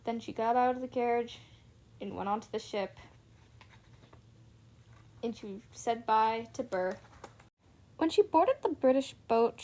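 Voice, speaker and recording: A woman's voice: fairly high pitch, a little mellow. A young woman casually retelling a book's plot, chatty and full of "like" fillers. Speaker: book reviewer. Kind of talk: casual book recap.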